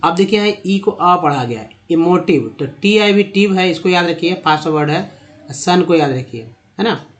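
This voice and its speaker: A man teaching a lesson over slides, asking his own questions and answering them, and repeating words slowly to show how they sound. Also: sits high.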